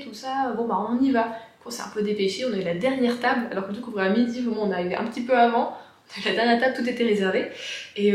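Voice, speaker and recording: Female vlogger, higher-pitched voice, casual and rambling Q&A chat, strong room echo. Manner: chatty, rambling, self-interrupting. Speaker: book and lifestyle vlogger answering viewer questions. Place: echoey home office, indoors. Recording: echoey, resonant room.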